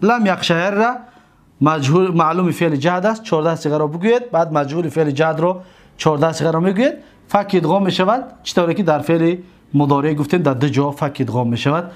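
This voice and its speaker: A man with a Tajik accent teaching grammar, drawing out and repeating each word form slowly for his students. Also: a little high. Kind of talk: grammar lecture.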